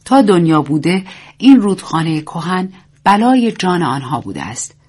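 Husky woman narrating a story. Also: fairly low pitch. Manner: steady, measured reading. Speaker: audiobook narrator.

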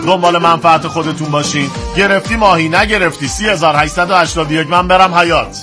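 A fussy, excitable barn keeper played by a man in a sitcom, with a high, light voice that snaps out scolding exclamations. Music runs under his lines. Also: natural voice. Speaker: comic character tending a cow. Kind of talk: sitcom acting.

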